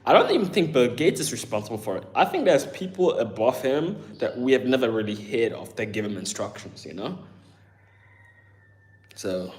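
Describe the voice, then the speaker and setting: Rambling to his live-stream audience and addressing chat as "bro," this man speaks at a moderate pace with big swings in his medium pitch. He's the host, loaded with fillers, and his accent mixes Southern English, German and Ghanaian.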